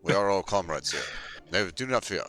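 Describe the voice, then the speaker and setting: A man voicing a large, protective male warrior with a deep, gruff voice. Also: lively intonation, brisk, a bit bright. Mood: soothing. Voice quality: deep and booming.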